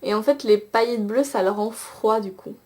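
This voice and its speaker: In a mid-range, slightly mellow voice at a moderate pace, a young woman chats through an eyeshadow review with swatches. The beauty vlogger records on a camcorder mic and her talk is casual, with many fillers and restarts.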